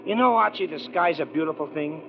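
An actor playing a dim-witted, cheerful cab driver with folksy, ungrammatical, slow-witted talk in 1940s radio comedy. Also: male voice, fairly high pitch, animated. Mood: dim, earnest. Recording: noisy, dull old radio recording.

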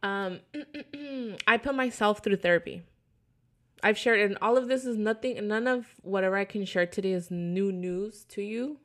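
A woman's voice: medium pitch, a little slow, fairly bright tone. Chatty, rambling woman podcast host. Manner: rambling, chatty, swears freely. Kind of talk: casual podcast chat.

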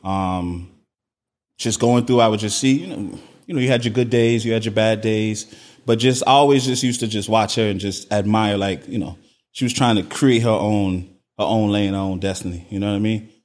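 A young adult man from Miami, a podcast guest telling his backstory in relaxed conversation, often tagging his sentences with "right?". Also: fairly low pitch, moderate pace. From Miami, Florida. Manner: laid-back, peppers speech with "right?". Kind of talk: casual conversation.

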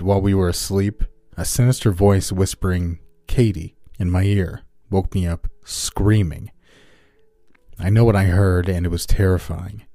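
A man narrating a scripted first-person scary story in a measured, deliberate way, as a storyteller. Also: sits low, warm tone, no room sound. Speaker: narrator of listener-submitted scary stories. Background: background music.

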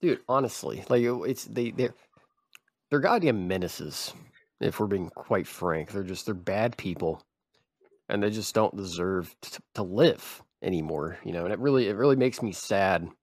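A man hosting a podcast, rambling and halting in mock-serious grief. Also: on the low side, expressive, no room sound, clean studio sound. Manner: rambling, halting, feigned grief breaking into laughter. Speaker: podcast host.

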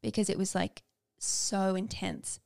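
Young woman with a gravelly edge. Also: medium pitch, expressive, unhurried, darkish tone. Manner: candid, personal storytelling with fillers. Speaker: podcast co-host. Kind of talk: casual chat.

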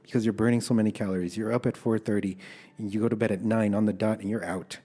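With a steady tone and a quick pace, the American-accented army veteran, a middle-aged man from Los Angeles, United States, recounts his own stories candidly as a guest in an interview. His warm, lowish voice carries a breathy edge.

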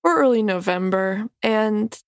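A woman co-hosting a casual podcast while sick, her voice rough and gravelly. She rambles in a relaxed, stoned way, recorded dry and close to the mic. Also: mid-range voice, a little slow, no echo. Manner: rambling, laid-back, stoned. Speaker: podcast co-host. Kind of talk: casual chat.

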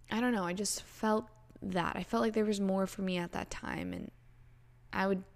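A woman's voice: mid-range voice, vocal fry. A woman in her twenties hosting a casual solo podcast, talking earnestly and rambling with lots of "like" and "you know". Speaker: podcast host.

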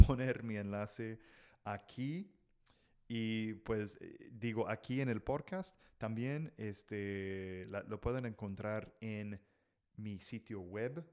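Talking on his own podcast to people learning the language, a married adult man keeps things chatty, sprinkling in Mexican slang and frequently correcting himself, restarting and filling pauses. He has a somewhat low, darkish voice.

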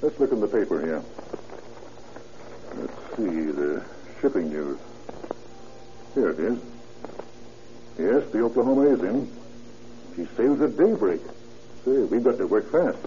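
Brisk police chief, very muted tone. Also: male voice, fairly low pitch, expressive, dark tone. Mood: brisk, probing. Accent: American. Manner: authoritative, methodical questioning. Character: brisk, businesslike American police chief questioning witnesses. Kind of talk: old-time radio crime drama acting. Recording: muffled, noisy old radio recording.

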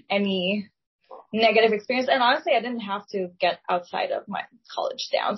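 A woman from Lebanon, a guest in a reflective, conversational interview, speaks English as her second language, choosing her words thoughtfully and carefully. Her voice is mid-range with a breathy edge, and the recording sounds muffled.

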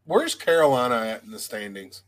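A man's voice: medium pitch, big pitch swings, a little fast. A man talking casually as a panelist on a sports podcast.

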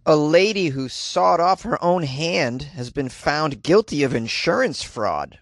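A man's voice: a little high, expressive, unhurried, dry recording. Dry, closet-recorded male comedy podcaster. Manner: sarcastic, self-deprecating. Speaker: podcast host. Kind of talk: casual comedic news commentary.

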